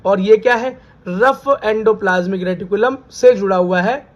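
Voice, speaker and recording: On lo-fi audio, a man with a high voice gives a biology classroom lecture in Hindi at a normal speed. He quizzes students by repeating key terms back as questions and calls them "beta."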